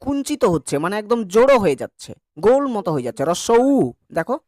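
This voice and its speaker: A man's voice: high voice, sing-song, fast talker, no echo, clean studio sound. A man teaching an online grammar class, chatty and joking as he drills vowel sounds with his students.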